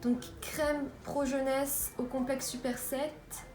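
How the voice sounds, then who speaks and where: A young woman with a slightly high voice chats casually through a beauty haul, full of fillers and trailing restarts. She is recorded at home in an echoey room with a steady noise behind her. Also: slow pace. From France. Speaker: beauty vlogger.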